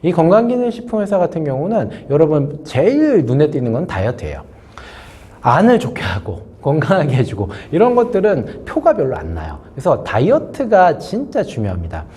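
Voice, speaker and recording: The host of a spoken business lesson talks casually to camera, sore-throated from a cold and leaning on fillers and asides. His warm voice sits fairly high, swings hugely in pitch, and runs a little fast.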